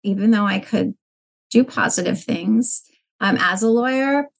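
A woman's voice: medium pitch, unhurried, gravelly. A woman founder answering interview questions in an earnest, reflective way. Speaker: guest, business founder.

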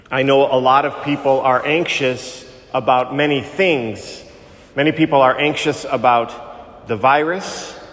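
Man, priest, cathedral echo, long reverb, mid pitch, measured homily delivery. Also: a bit bright. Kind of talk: Gospel reading and homily at Mass. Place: large church.

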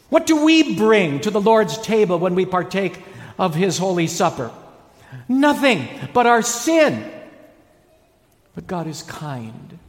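A man preaching a sermon as pastor, with dramatic, emphatic delivery and stretched key words. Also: high-pitched. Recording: echoey hall with long reverb.

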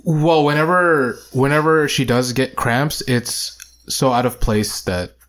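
A man as a guest in a casual chat, speaking in a measured, hesitant way with many fillers. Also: medium pitch, a bit bright. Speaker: podcast guest.

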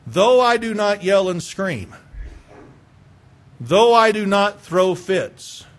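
Guy pastor giving a sermon, pretty high voice, keeps asking the crowd questions, drops quiet then gets loud. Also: lively intonation, slow pace. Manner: asks the listeners many rhetorical questions; repeats words as he builds a point.

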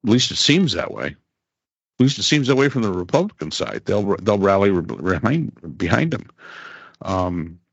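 A man co-hosting a podcast, chatting casually and getting animated as he retells stories. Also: deep voice, normal speed, gravelly, no echo, lo-fi sound. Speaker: podcast co-host. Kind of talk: casual political chat.

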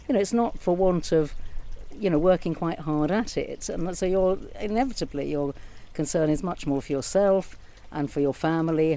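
A woman in her sixties, a retired teacher, talking thoughtfully in a relaxed outdoor chat. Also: low voice. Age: 60s. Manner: thoughtful, measured, reflective. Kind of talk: casual conversation. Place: garden outdoors by a pond.

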